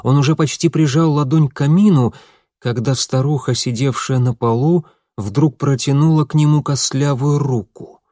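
A man narrating an audiobook in a steady, measured way. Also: mid-range voice, no echo, clean studio sound.

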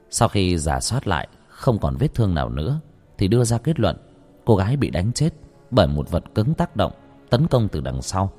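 A man tells a ghost story in a low, dramatic voice. His pitch rises and falls with the telling. Soft music runs quietly in the background. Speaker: narrator.

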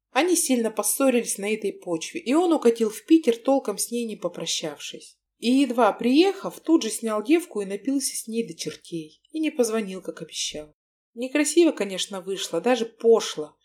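A woman narrating an audiobook in an expressive, lively reading. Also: fairly high pitch. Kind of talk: scripted narration.

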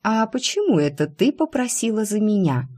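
A woman's voice: mid-range voice, big pitch swings, normal speed, darkish tone, slightly rough, pitched above the performer's own voice. A woman voicing a stubborn young female dance student who speaks wryly and pleads. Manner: wry, pleading.

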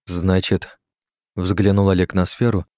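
A man narrating an audiobook in a steady, measured way. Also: low voice, no room sound, clean studio sound.

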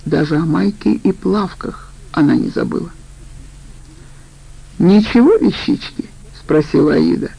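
Low gravelly woman narrating. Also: normal speed, few pauses, dark tone, low-quality recording. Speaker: audiobook reader. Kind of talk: scripted narration.

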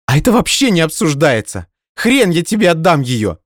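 A man voicing a hysterical young woman who shouts through tears in an audiobook. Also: wildly swooping pitch, brisk, slightly rough, no echo, clean studio sound, heavily acted. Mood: furious, tearful. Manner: shrill, sobbing outbursts.

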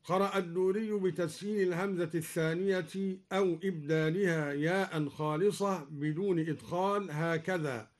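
A man who is a Quran scholar, explaining recitation variants on radio and chanting each example slowly and carefully. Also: high voice. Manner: explains, then chants slow measured examples.

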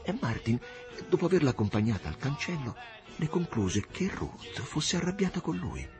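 A man reading a classic novel aloud as narrator, in an expressive, measured storytelling manner. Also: a little high, over music. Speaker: audiobook narrator. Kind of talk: scripted literary narration.

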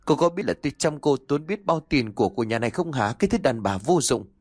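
A cruel old mother-in-law with a harsh, scolding tongue, as a male storyteller puts her on. Her pitch swings widely as she berates, and the voice sounds close and dry, with no room around it. She comes from a spoken audio story. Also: sing-song, brisk, no room sound. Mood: raging.

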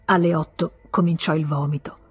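Brief: husky female audiobook narrator, measured and dramatic, faint music underneath. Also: low voice, little pitch movement. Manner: measured, slow dramatic reading. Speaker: audiobook reader.

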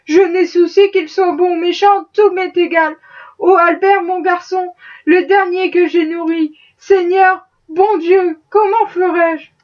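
A woman's voice: very high-pitched, fairly even intonation, a little slow, lo-fi sound, pitched above the performer's own voice. A woman reading an audiobook, voicing a grieving old mother who pleads in a broken, crying voice.

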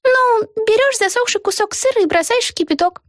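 A timid young girl played by a woman narrating an audiobook who pleads and protests. Her voice sits very high and clearly childlike, with an earnest, plaintive tone. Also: a little fast, fairly bright tone, no room sound, studio quality. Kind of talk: audiobook voice acting.

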